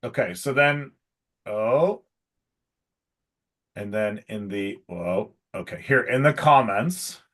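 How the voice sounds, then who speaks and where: A man's voice: lowish voice, slow pace, long pauses, a bit bright. A man hosting a casual live stream for a shop, talking in a chatty, salesy way with lots of fillers. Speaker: pro shop host.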